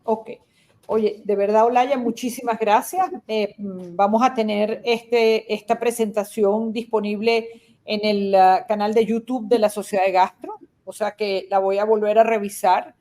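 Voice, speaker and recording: A woman's voice: medium pitch, steady tone, measured pace, warm tone. A woman moderating a medical webinar, thanking the guest with many fillers. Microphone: video call.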